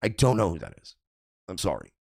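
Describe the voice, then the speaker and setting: A man's voice: low-pitched, wildly swooping pitch, a little fast, creaky, darkish tone, dry recording, studio quality. A man hosting a radio show, ranting in a profane, mocking, repetitive way. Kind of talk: ranting commentary.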